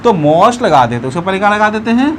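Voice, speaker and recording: Male English teacher, high and lively voice, patient step-by-step classroom delivery, faint traffic noise behind. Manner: explains step by step, repeats words slowly and syllable by syllable. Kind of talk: classroom grammar lesson.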